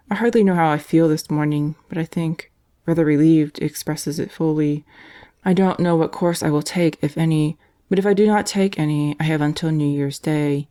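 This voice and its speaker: A woman voicing a calm, devout male prisoner whose letters are gentle and resigned. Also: sits low, natural voice.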